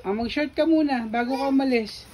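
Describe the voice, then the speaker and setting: A mother in a casual home video, gently coaxing her toddler son and repeating simple questions over and over. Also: high-pitched, brisk, noisy background.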